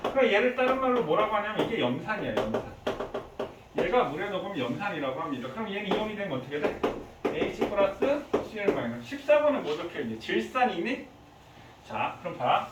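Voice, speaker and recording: A man teaching high school chemistry in a classroom, quizzing his students with frequent questions. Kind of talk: classroom lecture. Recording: echoey classroom from far off, faint hiss.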